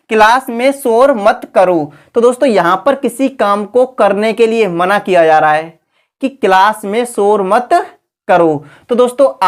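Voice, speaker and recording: A woman teaching a grammar lesson at an unhurried pace. She talks to her viewers as friends and poses questions that she answers herself. Now and then she stops to spell a word out letter by letter. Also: fairly high pitch. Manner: keeps calling the viewers friends. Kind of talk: explaining a lesson.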